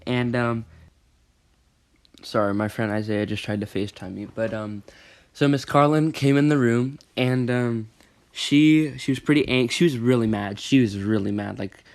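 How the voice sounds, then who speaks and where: A man's voice: mid-range voice, steady tone, normal speed, darkish tone. Teen guy storyteller, casual vlog, rambling delivery, gets worked up. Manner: rambling, self-correcting, rising to agitated emphasis.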